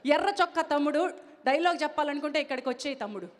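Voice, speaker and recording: A woman hosts a live event on a handheld mic, talking to the crowd in a playful, lively way. Her voice is high. The sound carries a long reverb from a large hall. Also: very fast. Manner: lively, playful, mixes English phrases into her talk. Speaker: event anchor. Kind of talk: live stage hosting. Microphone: handheld stage mic.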